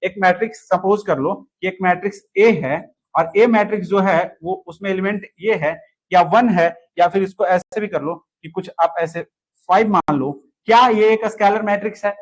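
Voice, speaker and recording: Male teacher running an online class, high voice, repeats himself, keeps checking if students follow. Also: moderate pace, poor audio. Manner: asks students to answer and comment, repeats key points. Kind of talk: online lesson solving exam questions.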